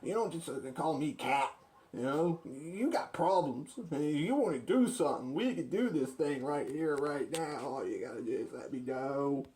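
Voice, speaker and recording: A man's voice: fairly high pitch, lively intonation, normal speed, darkish tone, natural voice. A man playing a touchy, stubborn would-be author who argues insistently, in a comic skit of arguing with himself. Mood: offended. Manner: argumentative, insistent, repetitive.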